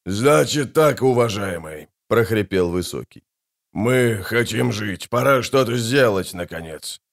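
A man voicing a rough, hoarse sailor who leads a mutiny and threatens with menace. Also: on the low side, animated, measured pace. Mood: menacing. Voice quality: hoarse, rasping. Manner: menacing, swearing.

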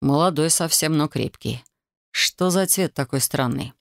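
A woman playing a calm, low-voiced male inquisitor. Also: creaky, no room sound, clean studio sound. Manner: slow, measured, lowered voice.

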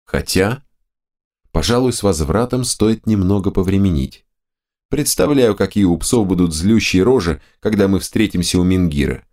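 Brief: expressive male storyteller, rather low and animated. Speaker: audiobook narrator. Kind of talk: first-person fantasy narration.

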